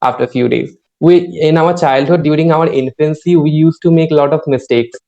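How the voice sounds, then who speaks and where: A man's voice: on the high side, brisk, dark tone, muffled recording. A man hosting a podcast over a video call, talking hesitantly with many fillers. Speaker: podcast host. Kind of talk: casual podcast conversation.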